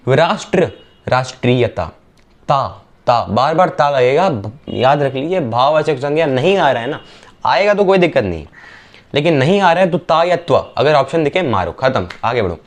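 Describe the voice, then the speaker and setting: A young man teaching an exam revision lesson, briskly reading out word pairs and checking that the students follow. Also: mid-range voice, expressive. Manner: brisk, repetitive drilling with quick checks on the students.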